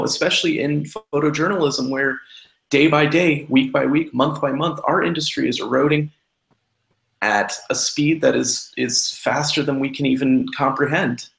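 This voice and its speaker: A man's voice: fairly high pitch, gravelly, fairly bright tone, echoey room, rough recording. A man in his twenties, a photojournalist on a discussion panel, speaking in an earnest, thoughtful and somewhat hesitant way. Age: 20s.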